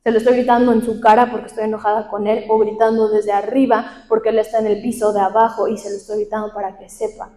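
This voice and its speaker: A woman's voice: medium pitch, level tone, fast, hardly any pauses, dark tone. Woman teaching a workshop in an echoey hall. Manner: asks the audience questions and acts out examples. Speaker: workshop presenter. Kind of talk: leadership and communication workshop talk. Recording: echoey hall with long reverb.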